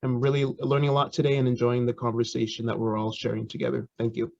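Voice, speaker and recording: Man panelist, halting and rambling, dry muffled call sound. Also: medium pitch, flat delivery, vocal fry, darkish tone, no room sound. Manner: rambling, halting with many uh fillers. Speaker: conference panelist. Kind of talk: casual remarks. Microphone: video call. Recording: dry, dull video call audio.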